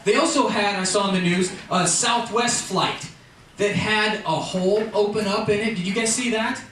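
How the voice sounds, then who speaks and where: High-voiced stand-up comic in echoey room. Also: male voice. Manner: animated, acts out characters in quick voices. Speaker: stand-up comedian. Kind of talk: stand-up routine. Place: live comedy venue. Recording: echoey distant live room mic with noise. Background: audience laughter.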